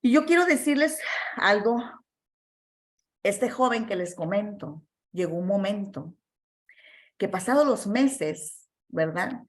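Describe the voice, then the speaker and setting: A woman's voice: medium pitch, animated, slow pace, long pauses. Earnest Spanish-speaking woman preaching. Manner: earnest, emphatic, many fillers and restarts. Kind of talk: sermon testimony.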